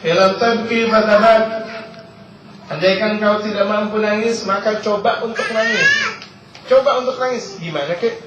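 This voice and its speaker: Male preacher, high voice, explains Arabic quotes in everyday talk, roomy echo with faint ambience. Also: animated, normal speed, background noise. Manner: reads Arabic text then explains it in casual speech; repeats key phrases for emphasis. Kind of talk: religious lecture. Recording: roomy, distant, dull lo-fi sound.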